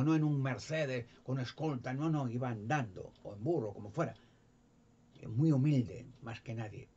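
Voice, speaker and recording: A man's voice: mid-range voice, darkish tone, slightly rough. A man with a Spain Spanish accent preaching informally, retelling Bible stories in a rambling, repetitive way with stammered restarts. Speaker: lay preacher. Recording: slightly dull with faint background noise.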